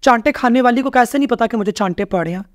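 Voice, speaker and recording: A woman's voice: a little high, fast talker, dry recording, clean studio sound. A woman, a guest on a podcast, speaking emphatically in conversation and driving her points home with rhetorical questions and repeated phrases. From Pakistan. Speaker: podcast guest, rights activist. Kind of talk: conversational interview.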